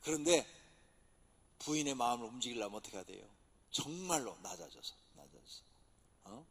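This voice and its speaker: A male pastor preaching a sermon with passion, swinging from shouted exclamations to hushed whispers. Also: medium pitch, very animated, fairly quick, breathy edge. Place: church sanctuary. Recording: church hall reverb.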